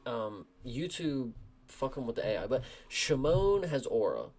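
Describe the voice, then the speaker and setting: A young man streaming, reacting to fight results in a frustrated, profane, animated rant with lots of slang. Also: medium pitch, measured pace. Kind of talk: casual livestream reaction.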